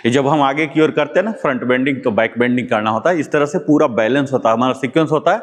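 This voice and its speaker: A man's voice: medium pitch, fast. A man leading a live yoga class, encouraging his students and calling out each breath and pose. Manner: encouraging, calls out breaths and poses. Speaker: yoga instructor. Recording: long hall reverb.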